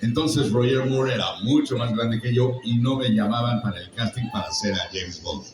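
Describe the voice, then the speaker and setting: An older man, a voice actor with a Mexican accent, chats and jokes his way through teaching stories for a live convention-panel audience. His mid-range voice moves at a moderate pace against a noisy background, picked up from far away in an echoey hall.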